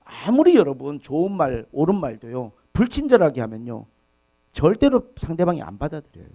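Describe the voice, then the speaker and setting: A man's voice: fairly high pitch, very animated, a little fast, dark tone. A male pastor preaching a Sunday sermon at a church service. He speaks earnestly and with emphasis, addresses the congregation directly and repeats key words.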